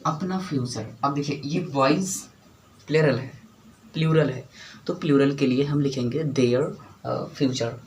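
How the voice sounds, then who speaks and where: A man gives a spoken English grammar lesson at a whiteboard, repeatedly stressing key words and quizzing the class with short questions to check understanding. His voice is medium-pitched, a little slow and a little mellow. The recording is low quality with slight background noise.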